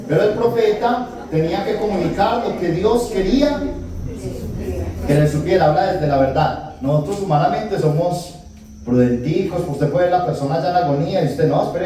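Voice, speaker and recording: Priest in an echoey hall. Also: male voice, high-pitched. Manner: storytelling, acting out dialogue with humor. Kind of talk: retreat talk on scripture. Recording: echoey hall, distant mic, faint noise.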